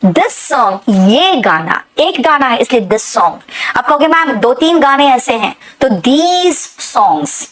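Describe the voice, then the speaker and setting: A woman with an Indian accent teaching English in a live online class, often checking with her students and saying example sentences slowly. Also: high voice, very animated, low-quality recording. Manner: addresses students as beta, checks with "right?" often.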